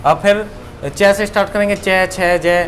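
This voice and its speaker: A man with a notably high voice teaches an exam-prep grammar lesson. He explains step by step and keeps firing rhetorical questions at the listener. A faint hiss of background noise sits under the recording. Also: fairly even intonation, moderate pace, a bit bright, low-quality recording. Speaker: Hindi teacher.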